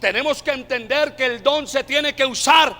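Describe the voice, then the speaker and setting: Colombian preacher with a high, bright voice. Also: male voice, normal speed, big-room sound. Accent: Colombian Spanish. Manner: preaching with shouted climaxes and call-and-response. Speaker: pastor. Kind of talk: sermon.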